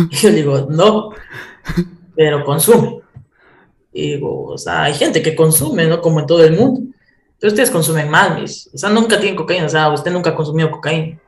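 A man with an Ecuadorian accent, telling stories in a casual chat and laughing as he goes. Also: a little high. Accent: Ecuadorian Spanish. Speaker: guest. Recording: roomy echo.

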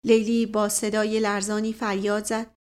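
A woman narrating an audiobook in an even, measured storytelling manner. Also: mid-range voice.

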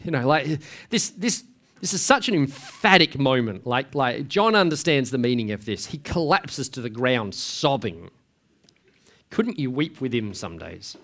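A man's voice: medium pitch, very animated, a little slow, fairly bright tone. A man preaching a sermon in a conversational way, asking rhetorical questions and often restarting his sentences. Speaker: pastor.

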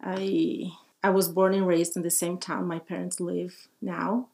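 A woman's voice: lowish voice, flat delivery, unhurried, vocal fry, a little mellow. A woman from Brazil, speaking as a podcast guest in friendly, simple phrasing with frequent laughs. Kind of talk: casual interview talk.

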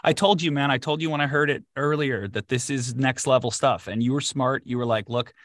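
A man interviews someone in a casual, chatty style, encouraging and effusive as he goes. His voice sits at an average pitch and is recorded dry, with hardly any room sound. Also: a little fast, fairly bright tone, no room sound.

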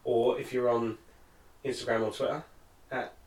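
A man's voice: mid-range voice, steady tone, normal speed, darkish tone. Joking man, distant and roomy. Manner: joking, laughs often. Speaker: podcast co-host. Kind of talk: casual podcast chat.

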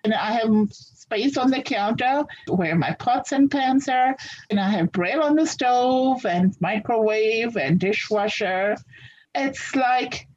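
A woman's voice: a little high, animated, slow, darkish tone, lo-fi sound. A woman from Fiji answering interview questions in a practical, upbeat way. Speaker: interview guest.

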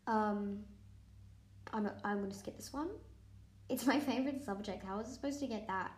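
A woman's voice: medium pitch, moderate pace. A young woman student chatting casually in a vlog, thinking aloud as she quizzes herself and sometimes dropping into a whisper. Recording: echoey room.

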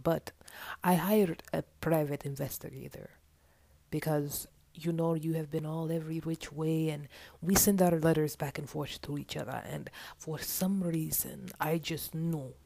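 A woman's voice: low-pitched, vocal fry, dark tone, no echo, exaggerated voice. A woman playing a tender, devoted man. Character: devoted man seeking his lost love.

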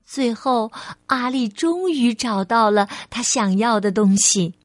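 A woman storyteller reading a children's bedtime story in a slow, gentle voice. Her voice sits a little high. The recording is dry and close, with no room sound. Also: lively intonation, dry recording.

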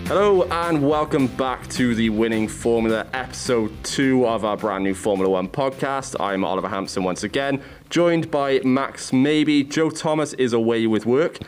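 A man's voice: mid-range voice, normal speed, hardly any pauses, faint music behind. Welsh man hosting a podcast. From Wales. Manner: steering, question-asking. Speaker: podcast host.

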